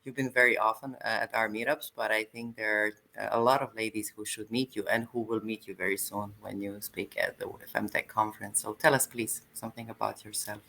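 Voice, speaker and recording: A woman hosting an online meetup over a video call, speaking haltingly with many fillers and restarts. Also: very deep voice, steady tone, gravelly, pushed and bright, low-quality recording. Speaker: meetup host.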